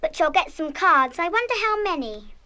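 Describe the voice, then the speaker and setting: Bright, high-pitched headstrong schoolgirl. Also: big pitch swings, normal speed, full character voice. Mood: cheerful, coaxing. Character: headstrong, impulsive, good-hearted schoolgirl of about eleven. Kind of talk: 1970s full-cast children's radio play acting.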